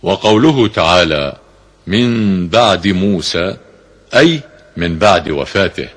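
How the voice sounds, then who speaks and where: A man reading a classical scripture commentary in a formal, measured way, slowing down for quoted verses, on a radio broadcast recording. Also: deep voice, expressive, husky. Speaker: reader of Quran commentary.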